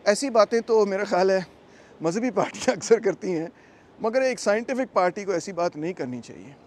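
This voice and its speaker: Man, lively travel vlogger, high voice, faint background noise. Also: a little fast. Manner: lively, explains to the camera. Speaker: vlogger and political commentator. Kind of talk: casual travel vlog narration.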